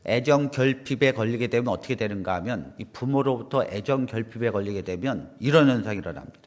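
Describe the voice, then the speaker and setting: A middle-aged male pastor preaching a sermon, moving between soft asides and loud, emphatic lines, and acting out dialogue from his stories. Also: mid-range voice. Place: small church. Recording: long reverb of a church hall.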